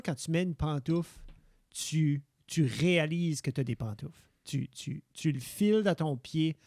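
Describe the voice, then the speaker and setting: A Quebec French man co-hosting a relaxed podcast. He jokes around and often turns to speak to the listeners. His voice is slightly high, recorded close with no room sound. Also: no echo. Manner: joking, addresses listeners directly. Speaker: podcast co-host. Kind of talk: casual chat.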